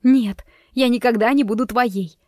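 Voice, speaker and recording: A woman's voice: on the high side, normal speed, no room sound, lightly acted. A frightened young bride , played by a woman reader, pushes back with a trembling, pleading voice. The audiobook sound is dry and close, with no room around it. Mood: defiant. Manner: shaky, pleading.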